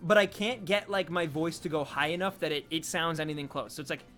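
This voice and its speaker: A man chatting casually on a live stream, reading out chat in an animated, talkative way. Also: a little high, a little fast, soft background music.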